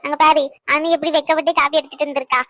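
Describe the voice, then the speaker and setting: A woman voicing a cheeky young woman in a cartoon who teases her friends in quick chatter. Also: high voice, level tone, fairly bright tone, no echo. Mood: teasing.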